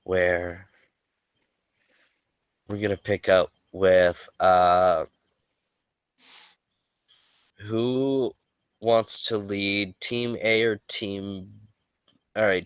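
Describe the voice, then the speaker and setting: In a dry recording, a low-voiced man leads a tabletop game, first chatting loosely, then reading a recap of the story. He sounds sniffly and a bit worn from allergies. He stays laid-back and joking, often stumbling and starting over.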